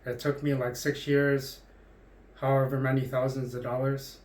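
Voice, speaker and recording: Forties man, casual musing vlog voice, monotone and hesitant, echoey room. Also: mid-range voice, normal speed. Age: 40s. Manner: rambling, hesitant with frequent restarts. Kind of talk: casual monologue.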